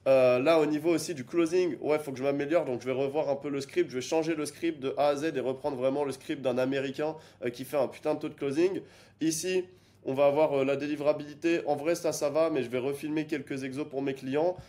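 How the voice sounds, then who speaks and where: A man's voice: a little high, fairly even intonation, fairly quick, warm tone. Punchy young man teaching business. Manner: emphatic, repeats points for stress. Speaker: business coach. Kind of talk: energetic online business lesson.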